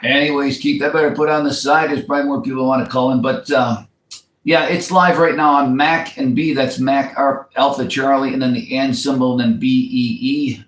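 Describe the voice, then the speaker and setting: A man makes casual small talk over ham radio. His voice is forward and bright at a middle pitch, with a clearly echoey, roomy radio sound. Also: level tone, moderate pace. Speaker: amateur radio operator.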